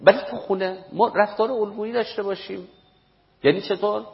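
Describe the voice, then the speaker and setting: A man's voice: high-pitched, fairly even intonation, creaky. A man giving a lecture on parenting to an audience, stressing and repeating his key points. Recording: dull echoey hall recording.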